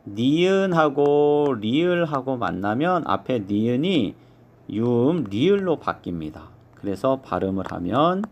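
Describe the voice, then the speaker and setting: A man teaching an exam review lesson, explaining step by step and slowly modeling each pronunciation. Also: lowish voice.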